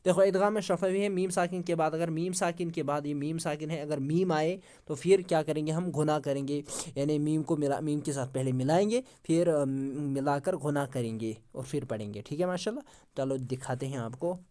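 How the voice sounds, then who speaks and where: A man teaching Quran recitation rules. He asks questions, answers them himself, recites example words slowly and drawn out, and often praises with mashallah. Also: on the high side, warm tone. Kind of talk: Quran tajweed lesson.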